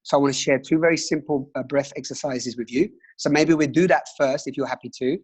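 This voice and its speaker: A man leading a guided breathing exercise as a teacher, speaking in a gentle, reassuring way with pauses. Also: mid-range voice, breathy edge.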